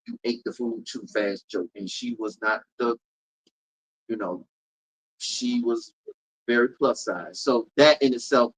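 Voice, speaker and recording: A man's voice: medium pitch, rough recording. Male comedian and event host from Florida, mid-range voice, punchy emphatic riffs, casual interview. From Polk County, Florida. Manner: animated, emphatic storytelling with repeated riffs.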